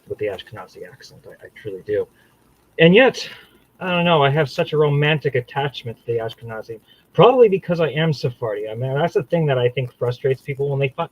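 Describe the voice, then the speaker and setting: A man's voice: mid-range voice, animated, brisk, muffled recording. A man hosting his own channel, giving a combative, profane solo monologue that rambles and restarts mid-sentence. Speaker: channel host.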